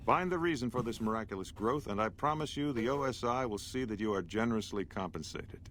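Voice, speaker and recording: A man's voice: medium pitch, animated, brisk, a bit bright, lightly acted. A man playing a pompous, condescending scientist in a video game, speaking formally and talking down to the listener. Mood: smug. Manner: pompous, formal, rhetorical diction. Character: pompous, condescending male scientist, director of operations. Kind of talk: video game character dialogue. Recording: noisy game audio with background ambience.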